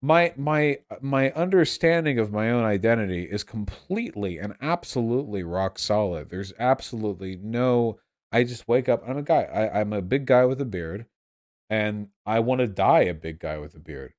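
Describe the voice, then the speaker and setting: A man's voice: fairly low pitch, animated, normal speed, a little mellow. A young man rambling casually to a livestream chat, sounding drunk, repeating and restarting his phrases. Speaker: livestream host answering chat.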